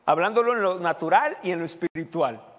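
A man preaching as pastor, animated and emphatic, dropping from loud points to quiet asides and slipping English words into his speech. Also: high voice, brisk, big-room sound. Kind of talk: sermon.

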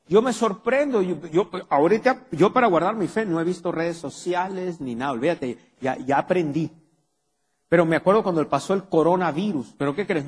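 A man's voice: on the high side, breathy edge. A male pastor preaching a sermon to his congregation and firing rhetorical questions at them. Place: church hall with a congregation. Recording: long hall reverb.

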